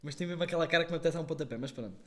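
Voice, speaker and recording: A man's voice: on the high side, racing, fairly bright tone. Young European Portuguese man, slangy podcast chat. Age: young adult. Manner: slangy, swearing. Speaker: podcast co-host.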